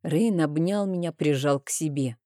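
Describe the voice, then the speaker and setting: A woman narrates a fantasy audiobook in the first person on a close mic. Her voice is lowish and mellow, and the sound is dry with no room. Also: moderate pace, dry recording.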